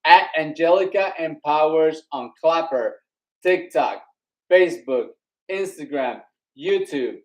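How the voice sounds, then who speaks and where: A Colombian man with an accent co-hosts a live online worship show, chatting in an easygoing, rambling way with many fillers. His voice is a little high and he speaks slowly. The stream, carried on phones and devices, has poor audio.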